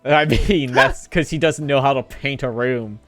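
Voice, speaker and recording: A man chatting casually on a gaming stream, wisecracking and quick to laugh. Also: mid-range voice, a bit bright, soft background music.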